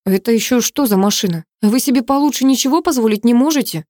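Lady reading as a gruff police chief guy, short snappy lines, mellow voice. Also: fairly high pitch, fast, no room sound, voice pushed up, natural voice. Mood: scornful. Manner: curt, dry jabs. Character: brusque male police commander, gruff.

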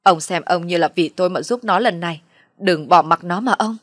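A woman voicing a bitter older mother-in-law who loudly blames and scolds. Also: moderate pace, no echo, clean studio sound, natural voice. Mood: pleading. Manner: shrill loud scolding, accusing.

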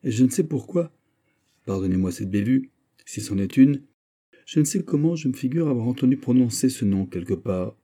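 A man voicing a bold, jovial male musketeer who flatters and teases his dinner companion. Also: medium pitch, normal speed, pitched above the performer's own voice, close to an everyday voice. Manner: bright, exclamatory, bantering.

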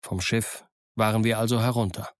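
A man narrating an adventure audiobook in a steady, measured reading. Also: fairly low pitch, no room sound, clean studio sound. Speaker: audiobook reader. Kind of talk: scripted narration.

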